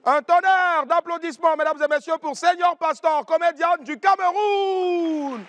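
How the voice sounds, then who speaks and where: A man announcer introducing a comedy show and its performers in a slow, formal way. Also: very high voice. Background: loud music.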